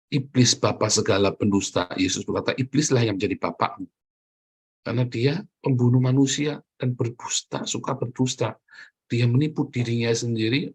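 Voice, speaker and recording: Husky fiery preacher man. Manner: fiery, mocking, swings between loud jabs and low asides. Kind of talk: sermon.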